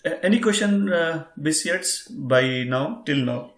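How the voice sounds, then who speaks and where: A German language teacher runs an online class in a fairly high, expressive voice, speaking a little slowly. He's patient, repeating and spelling words out as he addresses his "friends," and the sound carries a roomy echo.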